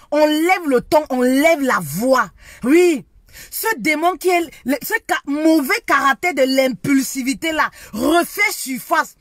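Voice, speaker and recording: A woman's voice: high voice, fairly bright tone, dry recording. A woman giving preachy marriage advice to women. She talks emphatically and keeps repeating herself with many affirming yeses. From Africa.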